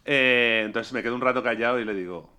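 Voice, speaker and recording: A man on a chat panel, telling a lively anecdote and acting out what people said. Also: mid-range voice, fast, smooth. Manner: storytelling, acting out dialogue with laughs. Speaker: radio panelist. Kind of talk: casual chat.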